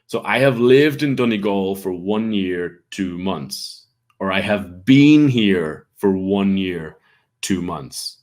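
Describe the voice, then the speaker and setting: A man with a light Irish accent teaches an English lesson, explaining slowly and patiently. His voice sits a little low for a man. He keeps checking in with his students as he goes. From Ireland. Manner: patient, repeats with frequent "right?" checks.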